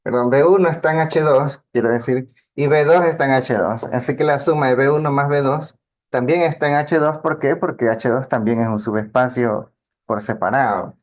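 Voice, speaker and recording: A man's voice: medium pitch, normal speed. A man gives a math lecture, working through each step patiently. He keeps checking in with his listeners as he goes, in a plain teaching voice. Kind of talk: lecture on linear algebra.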